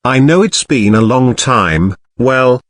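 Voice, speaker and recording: A man doing an older Yorkshire father, warm and gruffly self-mocking, spoken with a lively, rolling lilt. The audiobook sound is dry and close. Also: medium pitch, slow, dry recording. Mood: gentle. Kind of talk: audiobook character voice.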